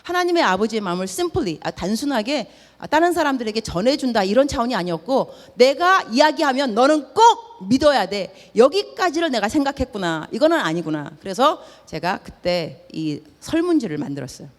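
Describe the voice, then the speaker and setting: A woman's voice: fairly high pitch, a little fast, in a large hall. A woman missionary telling stories in a sermon, acting out the dialogue and dropping in English words. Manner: lively, acts out dialogue, drops in English words. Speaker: missionary preacher. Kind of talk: storytelling sermon.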